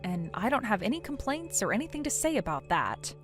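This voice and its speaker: A woman's voice: mid-range voice, sing-song, a little fast, soft background music, natural voice. A woman playing a weary, sarcastic younger sister in a scripted audio story, speaking in a dry, curt, guarded way.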